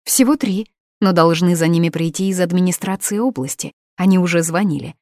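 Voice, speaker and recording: A woman's voice: on the low side, a little fast, a little mellow, dry recording, studio quality, close to an everyday voice. A woman voicing a chatty theater administrator who exclaims and teases. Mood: teasing.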